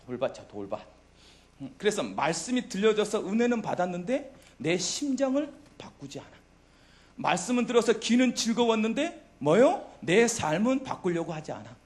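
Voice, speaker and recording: Animated high-pitched male preacher. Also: normal speed. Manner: animated, asks the congregation questions and answers them himself. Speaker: pastor. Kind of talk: youth worship sermon.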